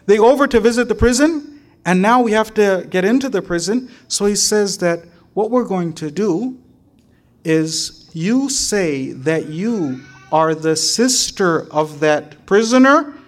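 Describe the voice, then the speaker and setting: A man preaching a sermon, telling stories in an animated way and often checking in with "right?". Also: high voice, unhurried. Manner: animated storytelling, frequent "right?" asides.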